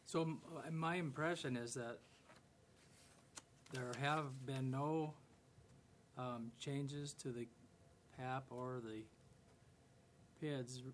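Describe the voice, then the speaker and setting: A man's voice: mid-range voice, slight background noise. Man asking careful hearing questions. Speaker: commissioner.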